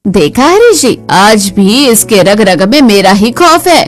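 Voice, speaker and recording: Woman doing a nasty sneering stepmom from a cartoon drama, lower voice, spiteful. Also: sing-song, measured pace, faint music behind. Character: cruel scheming stepmother, middle-aged woman. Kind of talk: animated family drama.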